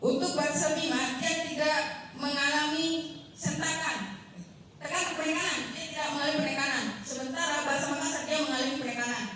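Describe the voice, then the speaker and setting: A young woman giving a seminar presentation, halting and apologetic, with many fillers and self-corrections. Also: sits high, steady tone, bright, forceful tone, a little hiss or hum. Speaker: student presenter. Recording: very echoey room, voice from far off.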